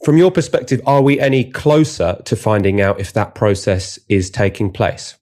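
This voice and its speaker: A male interviewer with a very deep voice puts prepared questions to his guest. He speaks fluently and without hesitation. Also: expressive, normal speed, dark tone.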